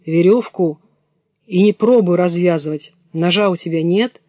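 A man's voice: high-pitched, moderate pace, warm tone, no room sound, natural voice. A bold young robber girl snaps out commands in a raised, brusque voice, as a man reading the play puts her on. The recording is close and dry, with no room sound. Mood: bossy.

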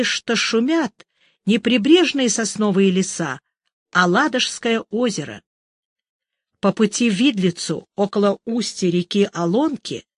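A narrator reading a literary story aloud in a measured, even storytelling manner, recorded close to a studio mic. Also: medium pitch, dry recording. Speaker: audiobook narrator.

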